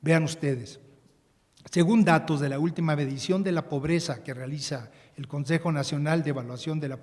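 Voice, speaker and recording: A man giving a measured, formal prepared speech as a panelist, with occasional restarts. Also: a little high, darkish tone. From Mexico. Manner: measured, reading a prepared text, some restarts. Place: large conference hall. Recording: conference hall with long reverb.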